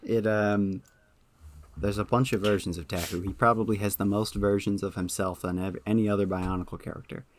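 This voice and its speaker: A man's voice: lowish voice, fairly even intonation, fairly quick, slight background noise. A man hosting a casual podcast, talking at length with lots of ums and eager enthusiasm. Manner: rambling, many ums, enthusiastic. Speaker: podcast host. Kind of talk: casual chat.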